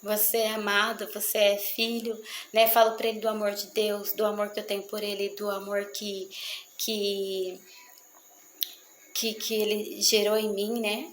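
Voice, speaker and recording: A woman's voice: medium pitch, level tone, a little slow, roomy sound, slight background noise, low-quality recording. A mother talking earnestly to an audience about raising children, repeating her phrases for emphasis. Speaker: mother speaking on parenting. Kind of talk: testimonial talk to an audience.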